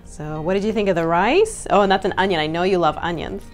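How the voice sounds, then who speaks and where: A woman's voice: lowish voice, quick pace, faint music behind. A woman chef giving a casual cooking demonstration in her home kitchen, chatty and upbeat, explaining each step. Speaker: chef and recipe reviewer.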